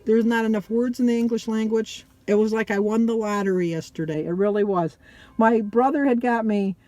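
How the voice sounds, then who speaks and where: A woman's voice: fairly high pitch, fairly even intonation, fairly quick, warm tone, dry recording. A middle-aged or older woman vlogger chatting casually to her viewers, rambling and often breaking off mid-sentence.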